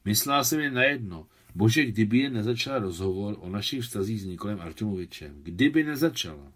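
A man reading his translation of a novel aloud in a measured, expressive way. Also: on the low side.

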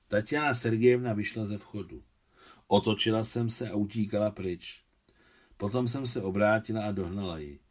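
A man with a fairly low voice reads a novel aloud. His delivery is measured and expressive, like an author's reading. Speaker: translator reading his translation.

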